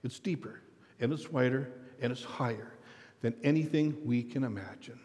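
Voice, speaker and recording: A man preaching a sermon as a dramatic story, often dropping to a hushed voice for effect. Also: mid-range voice, normal speed. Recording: reverberant hall.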